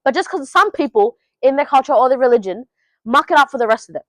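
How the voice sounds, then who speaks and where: Fast-talking and animated, a teenage Australian girl gives straight-up advice to her viewers, swearing freely in a casual vlog made at home. Her voice is high-pitched, with no echo.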